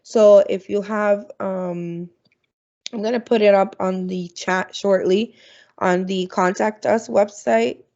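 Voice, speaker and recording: Speaking slowly in a mid-range, darkish voice with fairly even intonation, this Florida woman works as an international student advisor. She's giving a chatty online orientation presentation full of ums, captured on dull, lo-fi video call audio.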